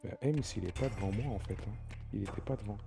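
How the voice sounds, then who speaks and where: A man's voice: fairly low pitch, fast, vocal fry. A French man chatting casually as he streams a game, rambling and repeating his phrases. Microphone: streaming microphone. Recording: loud game music behind.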